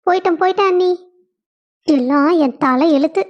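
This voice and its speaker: A woman's voice: extremely high pitch, moderate pace, dull audio. A woman voicing a whiny, sulky young sister who talks near tears, with a Kongu Tamil accent. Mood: complaining.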